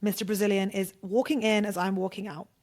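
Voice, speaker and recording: A woman's voice: medium pitch, little pitch movement, a little fast, darkish tone. A woman hosting a podcast, telling a personal story in a casual, chatty way, swearing freely and saying "like" a lot. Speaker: podcast host.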